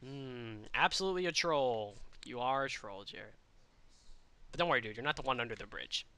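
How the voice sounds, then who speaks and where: A man's voice: medium pitch, expressive, moderate pace, bright, forceful tone, clear, resonant tone. A man chatting casually to his stream audience while playing a game, rambling and swearing freely. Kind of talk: live gaming stream chat.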